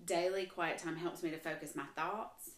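A woman's voice: lowish voice, steady tone, moderate pace, reverberant. A woman who is a guest on a faith podcast, telling her story in an earnest way, with frequent restarts and fillers.

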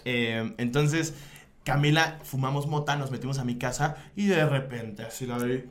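A man's voice: mid-range voice, normal speed, a little hiss or hum. A young man with a Mexican accent co-hosting a casual couple podcast, telling stories with lots of swearing and acted-out quotes. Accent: Mexican Spanish. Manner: animated storyteller, swears often, acts out quotes. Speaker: podcast co-host.

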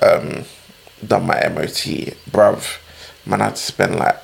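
A young man with a London roadman accent and a gravelly voice, chatting casually in street slang as a podcast co-host. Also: low-pitched, measured pace. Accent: London, urban street (roadman).

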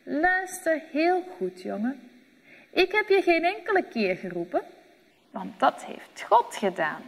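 A woman's voice: high voice, big pitch swings, takes it slowly, long reverb tail, voice pushed up, full character voice. A woman doing sleepy old priest Eli in a storybook. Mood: earnest. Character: old male priest, sleepy then earnest.

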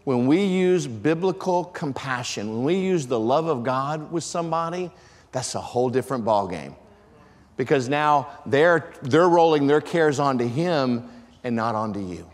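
A male pastor preaching a sermon in an emphatic style that swells into shouts for emphasis. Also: mid-range voice, animated, normal speed. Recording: long reverb of a large hall.

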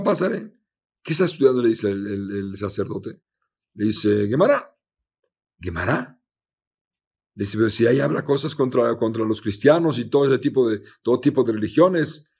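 A man tells a story as a rabbi in a sermon. His voice is a little husky and sits at an ordinary pitch, and he keeps saying "he says" as he acts out each character's lines. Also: darkish tone. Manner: acts out dialogue with frequent "le dice" and repeated words.

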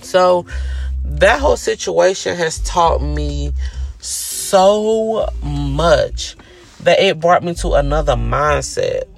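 A man's voice: a little high, slow pace, vocal fry, faint music behind. A man hosting his own podcast, talking earnestly and reflectively in a casual, conversational way. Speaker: podcast host. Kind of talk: reflective solo podcast monologue.

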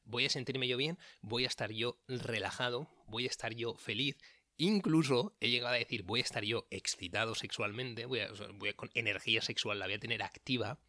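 A man's voice: mid-range voice, fairly quick, sharp tone, dry recording, clean studio sound. A man with a Spanish accent from Spain, talking casually in a solo audio recording, chatty and often correcting himself mid-sentence. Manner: chatty, self-correcting, frequent fillers. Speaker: podcast host giving dating advice. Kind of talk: casual monologue.

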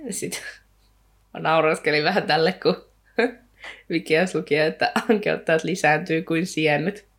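A woman's voice: deep voice, steady tone. A woman speaking, a podcast co-host casually retelling a story with many fillers and sometimes reading aloud from the book. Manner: rambling retelling with frequent fillers. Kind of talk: casual book discussion with read-aloud passages.

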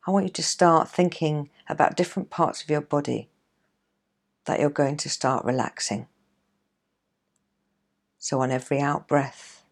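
A woman coach leading a guided relaxation exercise in a gentle, soothing, measured way, leaving pauses between phrases. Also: sits low, vocal fry. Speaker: coach and podcast host.

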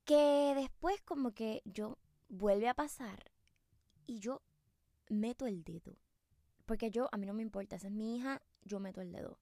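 Woman, podcast host, casual storytelling, chatty asides, somewhat high voice. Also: moderate pace, dry recording, studio quality. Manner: chatty, animated, with many fillers and asides to listeners.

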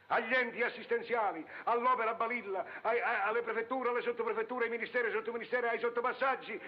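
A man's voice: extremely high pitch, highs cut off. An actor playing a forgetful male patient, a war veteran who garbles his words in comic malapropisms, on an old film soundtrack.

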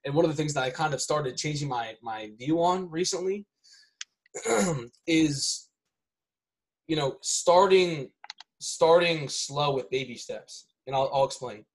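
A man's voice: a little high, measured pace, long pauses. A man talking casually on a podcast, rambling with many restarts and often ending lines with "right?".

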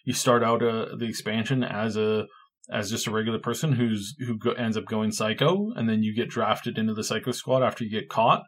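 A man's voice: on the low side, steady tone, fairly quick. A man co-hosting a podcast in casual chat, playful and rambling, with many fillers. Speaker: podcast co-host.

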